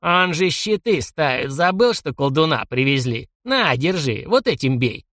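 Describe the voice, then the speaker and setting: Old jailer boss, creaky and high, sneering and bossy , a man reads him; slow drawn-out taunts, pitch swinging wide, dry close sound. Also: sing-song, a bit bright, no echo. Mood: mocking, bossy. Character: scrawny cackling old male jailer boss. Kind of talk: audiobook character voice.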